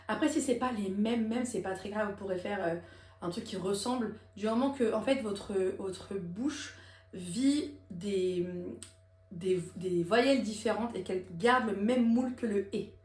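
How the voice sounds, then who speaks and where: A woman teaching a singing lesson, explaining technique and demonstrating high belted lines. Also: darkish tone, reverberant. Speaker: vocal coach.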